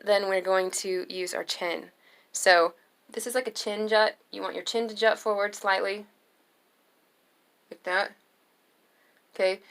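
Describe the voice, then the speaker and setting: A young adult woman giving a singing lesson, explaining slowly and calmly between sung demonstration notes. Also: medium pitch, clear, resonant tone. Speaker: singing teacher.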